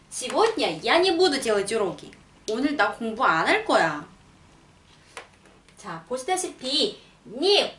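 A young woman teaching a language lesson, explaining patiently and reading example sentences slowly and clearly. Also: sits high, fairly bright tone. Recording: roomy, a bit far from the mic.

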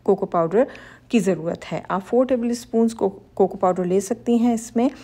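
Woman doing a home baking tutorial voiceover, soft mellow voice, patient and reassuring, talks straight to the viewers. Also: mid-range voice, moderate pace. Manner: instructive, reassuring, addresses women viewers directly. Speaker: cooking channel host. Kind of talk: voice-over cooking tutorial.

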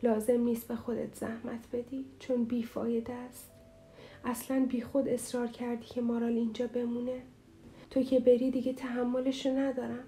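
A woman's voice: on the high side, completely flat delivery, mellow, slight background noise, close to an everyday voice. A woman voicing a grieving middle-aged mother in an audiobook, with a muffled, choked voice and a pleading, sorrowful manner.

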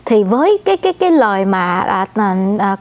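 A woman's voice: mid-range voice, very animated, fairly quick. Woman anchor, hesitant news chat. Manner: many "à" fillers, addresses "thưa quý vị". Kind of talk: conversational news reading.

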